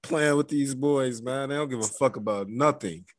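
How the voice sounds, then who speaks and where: A man's voice: mid-range voice, moderate pace. A man co-hosting a podcast, chatting casually in street slang with plenty of swearing. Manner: slangy, conversational. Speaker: podcast co-host. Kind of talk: casual profane chat.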